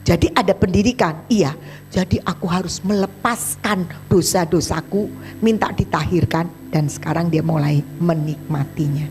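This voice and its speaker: A woman's voice: on the low side, moderate pace, slight background noise. A woman evangelist preaching a sermon, telling a story with chatty acted-out dialogue. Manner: animated, acts out both sides of dialogues in a chatty colloquial way.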